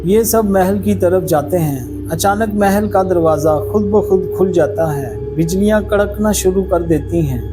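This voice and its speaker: A man narrating a spooky fairy-tale story in a measured, dramatic storytelling manner, over background music. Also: sits high, low-quality recording. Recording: clear background music under voice.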